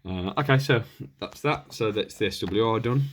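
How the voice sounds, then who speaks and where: A hobbyist presenter reviews radio equipment in a casual, unscripted hands-on demo, thinking aloud in a hesitant, rambling way. His voice is fairly low and moves at normal speed.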